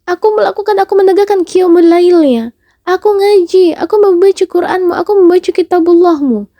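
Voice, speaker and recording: Brief: female preacher voicing a pleading male servant, pitched high above her own voice, indignant and insistent, in a storytelling sermon. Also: steady tone, mellow. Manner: indignant, pleading, rapid protest. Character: protesting male servant pleading against judgment.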